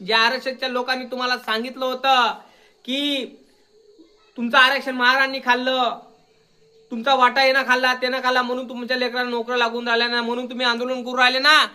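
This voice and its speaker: A young man rants straight at his listener in a combative voice. His voice is strikingly high and piercingly bright. He keeps hammering his point and demanding that the listener understand him. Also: completely flat delivery, quick pace, smooth. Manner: combative, repeatedly demanding "got it?". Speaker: social media commentator. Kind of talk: confrontational video rant.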